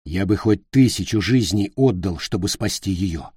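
A man's voice: low voice, normal speed, darkish tone, slightly rough, no room sound, studio quality. A man playing a furious young male leader who speaks harshly and with contempt. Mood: bitter.

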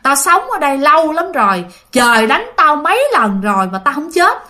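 A woman's voice: high-pitched, very animated, moderate pace, pushed and bright, voice pushed up, full character voice. A woman voicing a boastful, threatening old male demon who haunts a plot of land, in a spoken ghost story. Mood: menacing boast.

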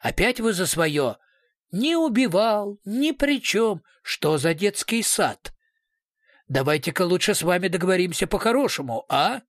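A man's voice: high-pitched, very animated, unhurried, dry recording, clean studio sound, voice pushed up. A man voicing a brutal male police investigator who switches between sugary politeness and snarling threats. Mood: mock-polite.

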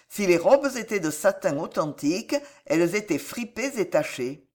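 A woman narrating a historical novel as an audiobook reader, in measured, expressive storytelling. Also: lowish voice.

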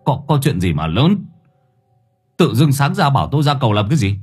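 A man's voice: medium pitch, big pitch swings, fairly quick, a little mellow, soft background music, pitched above the performer's own voice, natural voice. A man voicing an anxious elderly village father, stammering and agitated. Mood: alarmed.

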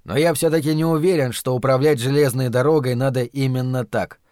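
A man's voice: medium pitch, fairly even intonation, brisk, darkish tone, no echo, close to an everyday voice. A man voicing a wary, dry-witted man.

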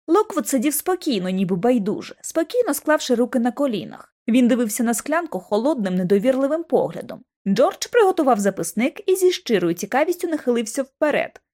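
Expressive high-voiced woman narrator. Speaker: audiobook narrator. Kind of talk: first-person audiobook narration.

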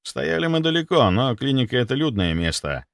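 A man reading a story aloud as the narrator, with a dry, lively manner. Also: mid-range voice, fairly quick, gravelly, no echo. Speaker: audiobook narrator. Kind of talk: scripted narration.

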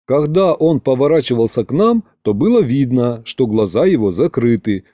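A man narrating a fantasy story in the first person, in a wry, lively way. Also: mid-range voice, no room sound, clean studio sound. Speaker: audiobook narrator.

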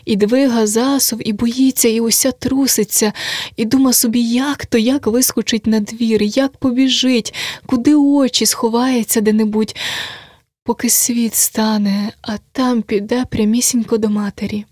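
A woman narrating a classic story as an audiobook, measured and often hushed to a near whisper. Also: a little high, steady tone, no echo, studio quality.

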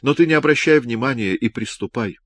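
A man voicing an exuberant young male scientist who teases and talks loudly in an audiobook reading. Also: medium pitch, lively intonation, fairly quick, dry recording, voice pushed up, close to an everyday voice. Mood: mocking. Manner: giddy, teasing, loud.

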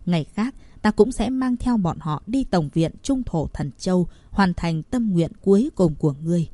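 A woman's voice: fairly low pitch, animated, normal speed, warm tone, dry recording. A woman voicing a young male swordsman speaking in a firm, earnest way, read from a storybook. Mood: resolute.

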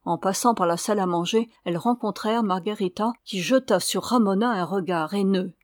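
A woman narrating a classic novel aloud in a measured, even reading voice. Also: medium pitch, no echo, studio quality. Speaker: audiobook reader.

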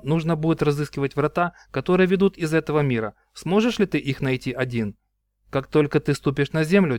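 A man's voice: on the high side, darkish tone, no room sound, close to an everyday voice. A man voicing an earnest brother who tries to talk another into saving them, speaking while out of breath. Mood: persuasive. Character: calm reasoning man, leader brother.

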